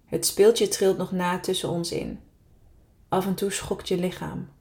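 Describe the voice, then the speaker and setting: A woman with a fairly low voice reads her own erotic story in the first person. Her delivery is slow, sultry and intimate, as if speaking close to a single listener. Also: level tone, creaky, warm tone.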